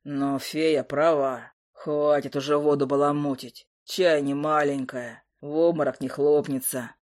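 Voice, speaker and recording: A woman's voice: sits low, steady tone, measured pace, darkish tone, pitched below the performer's own voice. A woman voicing a big-bellied male troll cook who talks bluntly and folksily. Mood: phlegmatic.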